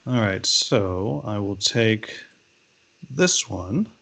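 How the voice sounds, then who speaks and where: A man's voice: on the low side, animated, very slow, gravelly, fairly bright tone, husky. A man playing a board game with friends, teasing them and counting his moves aloud. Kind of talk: casual game-night chat.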